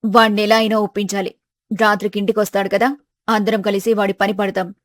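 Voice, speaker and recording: A woman playing a determined middle-aged mother in a storybook tale, in her own mid-pitched voice. She is insistent and scolding, and the recording is dry and close. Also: level tone, a little fast, no echo, lightly acted. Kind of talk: storybook voice acting.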